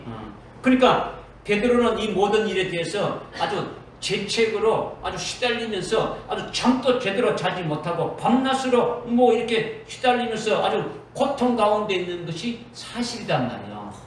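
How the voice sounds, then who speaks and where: Captured from a distance in an echoey church hall, faint noise behind, a pastor gives a sermon in the sanctuary. His high-sitting voice is very animated at normal speed, and he's emphatic and repetitive, frequently quoting Jesus directly.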